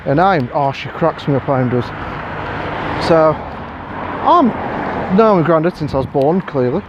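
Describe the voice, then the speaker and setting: A man's voice: fairly high pitch, lively intonation, unhurried, lo-fi sound, background noise. An English man in his thirties rambling bluntly and swearing while walking outdoors past fields, filming himself on a phone. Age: 30s. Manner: sweary, blunt, ranting with sarcastic put-on voices. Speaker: vlogger. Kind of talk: casual rambling vlog.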